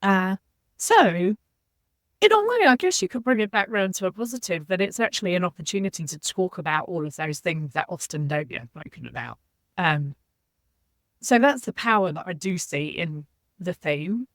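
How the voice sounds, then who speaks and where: A lower-pitched woman answers interview questions reflectively and candidly. She is a podcast guest who grew up in Zambia. Her voice sounds close and dry, with no room echo. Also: animated, moderate pace, a bit bright. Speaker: guest, social impact leader.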